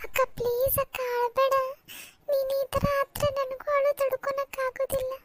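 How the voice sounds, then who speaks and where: A woman's voice: extremely high pitch, level tone, moderate pace, dry recording. A woman voicing a caring young girl who pleads with her older sister not to cry. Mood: consoling. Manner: soothing, pleading. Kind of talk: cartoon voice acting.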